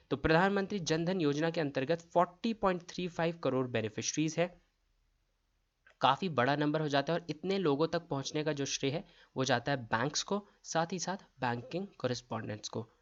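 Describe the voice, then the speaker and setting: A man's voice: fairly high pitch, highs cut off. A man running an exam-prep quiz lesson, reading each question and its options aloud before explaining the answer. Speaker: quiz tutor.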